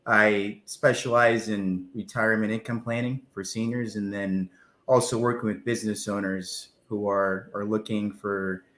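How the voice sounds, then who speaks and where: A man in his twenties, originally from Zimbabwe, answering interview questions in a relaxed, friendly way with frequent fillers. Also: lowish voice, normal speed, echoey room. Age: 20s. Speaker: guest, financial planner.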